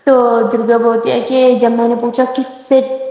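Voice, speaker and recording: A woman's voice: on the high side, level tone, warm tone. A woman casually narrating a romance story and acting out the characters' lines, repeating as she goes. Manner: casual, slips into dialogue, repeats words. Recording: very echoey room with long reverb.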